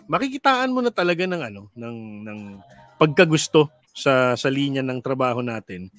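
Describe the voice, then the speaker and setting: A man's voice: mid-range voice, sing-song, moderate pace, a bit bright, soft background music. A middle-aged man, a radio DJ guest, chatting casually in a joking, rambling way, mixing in English and many fillers. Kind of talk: casual studio chat.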